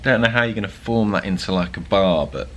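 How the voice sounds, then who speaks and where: A young man talks casually to camera as a vlog host, chatty and joking, with plenty of ums and uhs. His voice sits a little low. A faint hum of ambience stays under him. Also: animated, brisk, a bit bright. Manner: chatty and joking, with frequent fillers.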